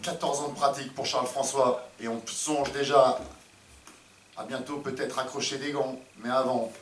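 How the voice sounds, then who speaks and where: A man's voice: medium pitch, level tone, normal speed, slight background noise. A man giving live combat sports commentary for a broadcast. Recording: echoey, distant, loud music behind.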